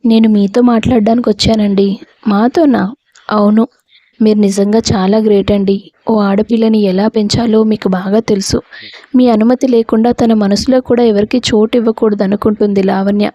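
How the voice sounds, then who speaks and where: Woman doing a sad earnest young girl who loves her friend, soft warm voice, dry sound. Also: mid-range voice, flat delivery, normal speed, no room sound, natural voice. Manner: earnest, pleading.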